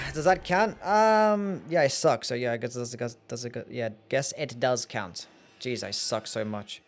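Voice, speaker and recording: A young Australian man streams a game, his medium-pitched voice unhurried over faint background music. He's sarcastic and swears often, reading chat aloud as he banters casually with viewers.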